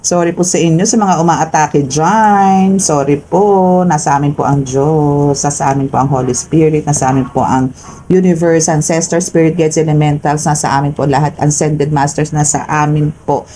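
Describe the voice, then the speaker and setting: Low, mellow Filipino woman giving a tarot reading. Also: steady tone, normal speed, slight background noise, rough recording. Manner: emphatic, keeps asking "no?" and "okay?". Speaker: tarot reader. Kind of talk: collective tarot reading for viewers.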